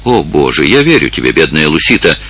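A man's voice: lowish voice, lively intonation, unhurried, breathy edge, full character voice. A man voicing a kind and earnest young woman, a village elder's daughter, in an audiobook. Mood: earnest, concerned. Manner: warm, earnest, emotional.

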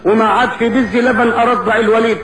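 A man's voice: very high-pitched, steady tone, fast talker, a bit bright, distant mic. A man voicing a dignified, sorrowful noblewoman in an Egyptian Arabic cafe storyteller's folk epic, plaintive and direct. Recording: roomy echo, clear background noise.

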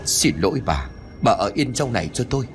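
A man's voice: mid-range voice, very animated, a little fast, slight background noise. A man voicing a stern elderly male village exorcist who speaks in grave, commanding tones.

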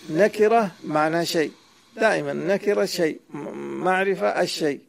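This sheikh's voice is on the high side and creaky, and he speaks at a normal speed. Teaching Arabic grammar, he explains a poem to a student, questioning him and setting his answers right.

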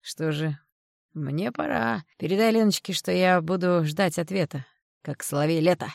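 A smug, leering middle-aged man in a storybook reading, put on by a woman reader. He talks slowly and loudly, lifting his voice high with self-satisfied amusement. The reading is close and dry. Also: creaky, dry recording. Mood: amused. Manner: loud, drawn-out, self-satisfied laughter in his speech.

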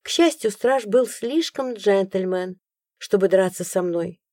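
A woman narrating a first-person audiobook with expressive, animated storytelling. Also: medium pitch, slow pace, dry recording, clean studio sound.

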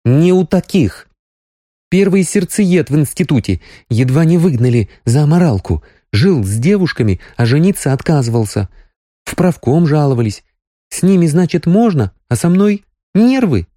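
A man's voice: sing-song, normal speed, warm tone, no room sound, studio quality. Man voicing a tearful young woman doctor. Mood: bitter. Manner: raised falsetto-like voice, sobbing, emotional. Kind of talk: audiobook character reading.

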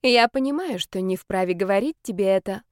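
A woman reading an audiobook voices an anxious, tearful young woman who pleads softly and trembles. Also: mid-range voice, huge pitch swings, unhurried, creaky, dry recording, studio quality, heavily acted. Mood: pleading. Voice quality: trembling, soft.

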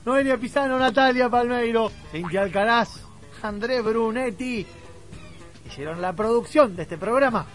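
High-voiced Argentine male radio host. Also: moderate pace. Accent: Rioplatense Argentine. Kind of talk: casual radio talk and commentary. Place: radio studio. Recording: music behind the voice.

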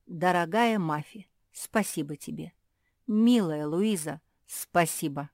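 Formal, gallant male pug, voiced by a woman, slow and measured. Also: on the low side, a little mellow, dry recording, clean studio sound. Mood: grateful. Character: courtly, learned male pug dog.

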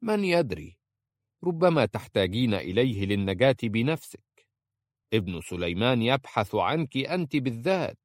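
A man's voice: medium pitch, big pitch swings, moderate pace, no echo, clean studio sound. A man voicing a weary older uncle who speaks in despair and scolds his niece. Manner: despairing, reproachful.

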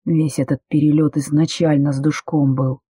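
A reader voicing a young male passenger who is gruff and anxious and speaks in an insistent, hissing way. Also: medium pitch, little pitch movement, moderate pace, dark tone, no room sound, lightly acted. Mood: urgent. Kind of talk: audiobook character voice.

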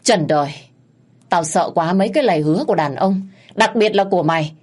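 A woman voicing a furious, sharp-tongued betrayed village wife who scolds and curses. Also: on the low side, a little fast, close to an everyday voice. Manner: scolding, cursing, mocking.

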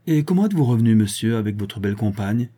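A carefree young gentleman answers in a light, mock-polite tone, as a man reads him in an audiobook. The voice is low and mellow, with a husky grain. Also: animated, quick pace. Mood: nonchalant.

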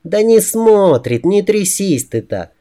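A man performing a bossy young woman in an audiobook who fusses, scolds and teases. Her voice sits well above a man's usual range. Its tone stays soft and mellow rather than bright. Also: sits high, very animated, slow, pitched above the performer's own voice, full character voice. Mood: teasing. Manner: teasing, fussing, scolding. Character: lively fussy young woman, bossy seamstress helper. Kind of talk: audiobook character voice.

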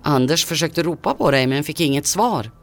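A man voicing a brisk, matter-of-fact hunting father. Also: on the high side, animated. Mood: checking in. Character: calm middle-aged father leading a hunt. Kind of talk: voiced dialogue in a told story.

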